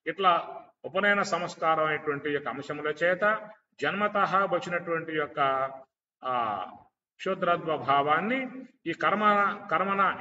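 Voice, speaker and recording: A man's voice: a little high, sharp tone. A man giving a spiritual discourse on scripture, asking his listeners rhetorical questions and chanting Sanskrit verses. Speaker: spiritual teacher. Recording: distant mic, long hall reverb, dull sound.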